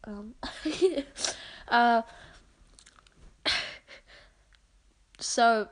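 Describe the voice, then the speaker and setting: A woman hosting a podcast, wrapping up in a rambling, halting way with many fillers. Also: on the high side. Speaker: podcast host. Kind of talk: casual podcast outro.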